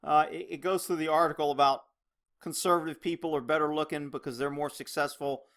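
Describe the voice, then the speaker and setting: A man with a high-pitched voice rants through news commentary as the host of his own show. His delivery is heavy with sarcasm. He sounds exasperated and indignant about what he reports. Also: a bit bright. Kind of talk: opinionated news commentary rant.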